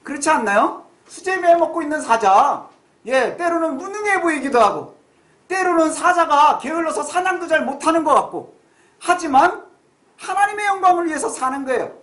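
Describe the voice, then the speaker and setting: A middle-aged man preaching a Sunday sermon as pastor, conversational and full of questions to the congregation, swinging between raised and hushed delivery. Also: very high-pitched, animated, moderate pace. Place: church sanctuary. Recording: echoey church room.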